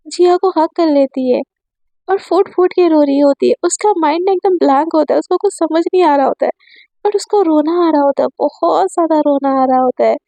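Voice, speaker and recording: A woman's voice: high voice, dark tone, no room sound. A woman telling a story casually and chattily, leaning on fillers and linking each turn with the next. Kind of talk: casual spoken story retelling.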